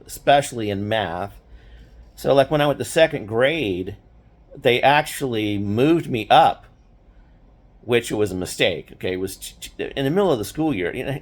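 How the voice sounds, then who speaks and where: Brief: older man, casual storyteller, rambling delivery, filler-heavy. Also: mid-range voice. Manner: rambling, lots of "you know" fillers.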